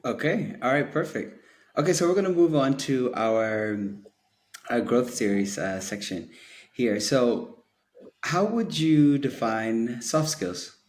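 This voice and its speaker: A man's voice: medium pitch, lively intonation, slow. Male host, interviewer, brief and to the point. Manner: brief, moves the talk along. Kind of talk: scripted interview questions.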